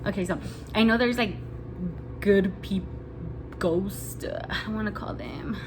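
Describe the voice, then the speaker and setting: A woman's voice: medium pitch, a little slow. A young woman telling a story to her camera, rambling and spooked, with "like" in almost every sentence. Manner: rambling, nervous, heavy use of "like" as filler. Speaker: vlogger. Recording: home video with steady outside noise. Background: building-washing noise outside.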